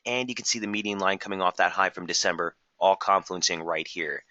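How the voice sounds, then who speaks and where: A man hosting a live trading webinar, brisk and technical, losing his voice and clearing his throat now and then. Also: low voice, bright, forceful tone, no echo, highs cut off. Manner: brisk, technical, addresses viewers as guys. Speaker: market strategist hosting a webinar.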